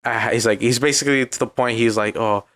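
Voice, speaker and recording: Speaking fast with fairly even intonation and a fairly bright tone, this young man has a mid-range voice and a Californian accent. He co-hosts a casual podcast, rambling through a retelling of a video that's heavy on "like" and other fillers.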